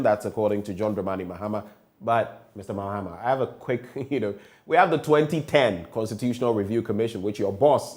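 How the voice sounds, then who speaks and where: A man with a Ghanaian English accent hosting a morning newspaper review, reading headlines and asking pointed questions. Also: fairly low pitch. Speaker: news review host.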